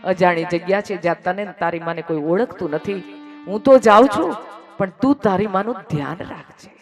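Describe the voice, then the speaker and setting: A woman's voice: on the low side, brisk, soft background music, natural voice. A woman voicing a steadfast king who speaks tenderly to his wife, quoted earnestly within a devotional story. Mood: tender resolve.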